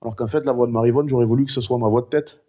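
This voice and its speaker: A middle-aged man talking casually in a vlog, rambling and chatty with many fillers; one vocal cord is impaired, so he has no high head voice. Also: steady tone, racing, dark tone, muffled recording. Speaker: vlogger recounting his cancer.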